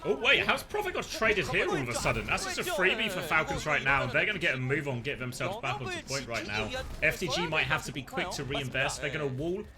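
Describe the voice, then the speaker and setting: A man's voice: fairly high pitch, very animated, fast talker, hardly any pauses, over loud music. A man commentating live on an esports match as a caster, in an informal style.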